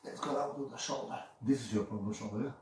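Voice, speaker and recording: Reassuring man massage therapist, dark voice. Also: medium pitch, fast. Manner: reassuring, repeats "don't worry", counts aloud. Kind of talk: casual talk while treating a client. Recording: roomy room, distant mic, faint noise.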